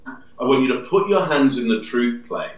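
A middle-aged man, a body language expert guest, explains things with lively emphasis in an interview, standing, moving about, gesturing and tagging lines with "yeah?". His mid-range voice keeps a moderate pace. He's on a video call in an indoor room with a large window, set back from the webcam, so the audio is echoey, distant, dull and lo-fi.

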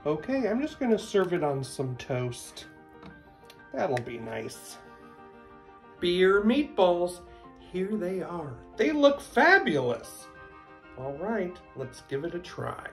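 A man in his thirties hosting a casual home cooking video in his kitchen, with animated, gushing exclamations. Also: sits high, slow, soft background music. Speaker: cooking channel host. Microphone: camera at close range.

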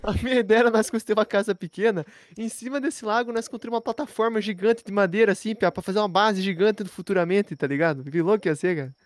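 A man's voice: high voice, fast talker, few pauses. A man in his twenties from Brazil, joking and teasing as he co-hosts a casual gameplay session. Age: 20s. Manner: joking, teasing, excitable, lively. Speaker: gaming channel co-host.

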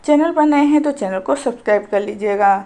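Woman doing a calm step by step cooking voiceover, kinda high voice. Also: a little fast. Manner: calm, instructive, explains each step. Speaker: cooking channel host. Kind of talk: step-by-step recipe voice-over.

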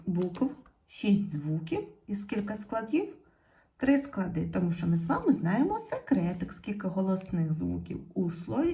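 Teaching young pupils through a video lesson, a woman talks to them directly in a slow, patient, encouraging manner. She's a primary school teacher with a fairly low, creaky, mellow voice.

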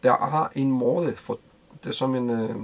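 A middle-aged man from Denmark interviewing casually in a small boat cabin, halting and repeating words. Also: mid-range voice.

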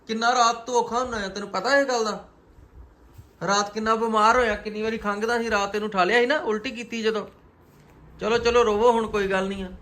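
High-voiced Punjabi vlogger man. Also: fairly even intonation, brisk, pushed and bright. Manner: teasing, playful. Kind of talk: casual family vlog.

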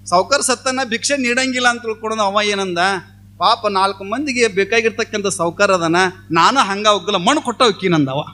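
A man's voice: high voice, a little fast. A man, a swami telling a comic folk story and acting out the villagers' voices. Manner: animated, acts out voices of villagers.

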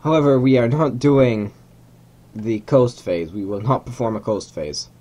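Commentating a game's rocket launch in a small room at home, a young man whose first language is Hungarian talks a little slowly in a slightly mellow, medium-pitched voice. His narration is casual and rambling, full of self-corrections and chuckling asides.

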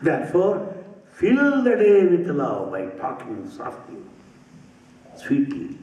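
Slow, lively man speaking in an echoey temple hall. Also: fairly high pitch. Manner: slow, rhythmic, with repeated phrases and rising and falling emphasis; humorous asides that draw laughter. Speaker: spiritual speaker. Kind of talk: spiritual talk. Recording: roomy, distant, dull hall recording.

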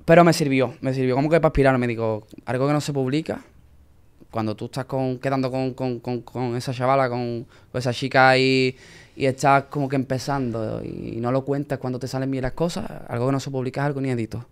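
A young man with a Spanish accent from Spain is a guest in a casual interview. He tells his story in a relaxed way and uses Spanish slang. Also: mid-range voice, fairly quick, smooth. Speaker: singer guest.

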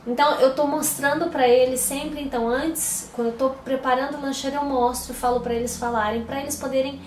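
This mom vlogger from Brazil talks casually to viewers from inside her home, frequently fixing what she says midway through. She speaks a little fast with a Brazilian Portuguese accent in a steady, high-sitting voice, recorded in an echoey room with slight hiss or hum.

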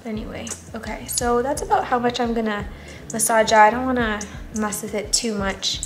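A young plant vlogger, her voice on the high side with fairly even intonation and a moderate pace, chats while repotting plants at an indoor table, soft music in the background. She's congested, nasal and partly losing her voice, and her self-doubting chatter is full of fillers and murmured asides.

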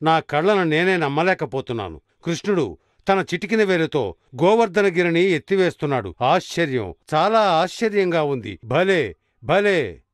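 A man's voice: a little high, sing-song, moderate pace, no room sound. A man voicing an amazed young cowherd in a cartoon. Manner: astonished exclaiming.

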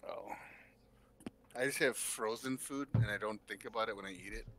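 A man playing a co-op video game with friends, joking casually and shouting when in danger. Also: lowish voice, normal speed. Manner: joking, excitable when panicking. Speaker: co-op gaming partner. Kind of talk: casual gaming chat. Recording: noisy background.

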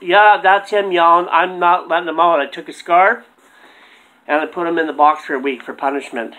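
A man's voice: on the high side, fairly even intonation, fairly quick, bright, forceful tone, a little hiss or hum, rough recording. A middle-aged man with a Canadian accent, chatting casually to camera as host of a ventriloquist show. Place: small cluttered room at home.

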